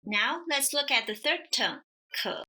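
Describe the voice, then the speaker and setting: A woman gives a scripted pronunciation lesson at an unhurried, deliberate pace. Her voice sits a little high and sounds bright and clear. She shapes each word carefully, like a patient teacher. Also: animated. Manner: slow, careful, demonstrative delivery. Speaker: language teacher.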